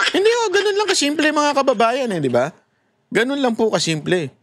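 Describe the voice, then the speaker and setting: A man with a high voice talks through casual political commentary, his pitch leaping all over as he laughs and mocks. He keeps breaking into laughter between his points. Heavy noise sits under the recording the whole time. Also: fairly quick. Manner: laughing often, mocking and animated. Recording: loud background noise.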